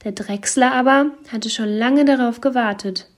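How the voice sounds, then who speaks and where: A woman reads a fairy tale aloud, telling the story lively and sometimes dropping almost to a whisper. Her voice sits fairly high. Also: moderate pace. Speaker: narrator.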